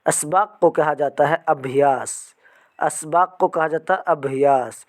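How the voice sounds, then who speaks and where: A man teaching an exam-prep vocabulary lesson, repeating each term slowly several times. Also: a little high.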